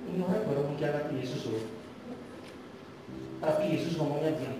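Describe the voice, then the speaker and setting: A man preaching a sermon, swinging between loud rises and hushed passages. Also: on the high side, animated, brisk, noisy background. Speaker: speaker. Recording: far-off mic in a very echoey hall with music.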